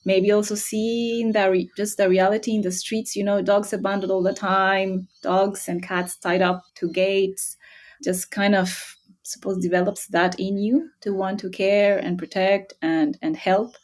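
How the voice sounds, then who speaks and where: A woman's voice: medium pitch, little pitch movement, darkish tone. Woman researcher chatting. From Costa Rica. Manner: thoughtful, friendly, quick to laugh. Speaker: guest researcher. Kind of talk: casual interview talk.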